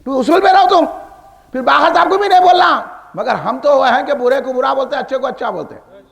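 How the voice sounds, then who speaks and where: A man with a Hyderabadi Deccani accent preaches a fiery sermon in an extremely high, gravelly voice. Combative and emphatic, he repeats phrases and fires off rhetorical questions, his amplified words trailed by long hall reverb.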